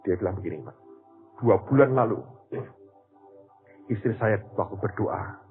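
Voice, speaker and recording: A man preaching a sermon in with a tinge, telling a story and swinging between hushed asides and loud cries. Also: fairly low pitch, measured pace, faint music behind. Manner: animated, swings from quiet to loud cries, addresses audience as "saudara". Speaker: pastor. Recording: tinny lo-fi recording in a reverberant hall.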